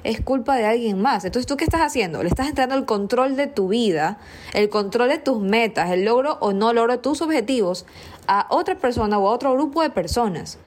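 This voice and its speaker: A woman's voice: fairly high pitch, animated, fairly quick. Emphatic woman nutritionist lecturing. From Latin America. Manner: emphatic, rhetorical questions, acts out patients' whiny excuses. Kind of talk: motivational podcast monologue.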